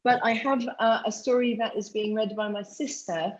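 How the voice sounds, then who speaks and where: A woman raised in Britain hosts an interview and asks curious questions, now and then stumbling over her words. Her voice sits a little high. The audio sounds dull and lo-fi. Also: steady tone, moderate pace. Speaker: webinar host. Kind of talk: interview hosting.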